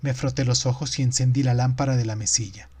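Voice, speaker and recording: A man reading a novel aloud in steady, measured audiobook narration. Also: medium pitch, slightly rough.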